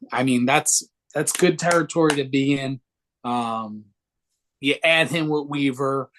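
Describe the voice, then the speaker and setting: A man's voice: a little high, a bit bright. A young man co-hosting a casual sports podcast, brash, joking and swearing freely. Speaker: podcast co-host.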